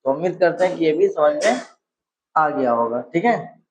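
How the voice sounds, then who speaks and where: A man's voice: on the high side, animated, moderate pace, a little hiss or hum. A man teaching a casual exam-prep grammar lesson, asking each question and repeating the answer back to drill his students. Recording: slightly dull lo-fi sound.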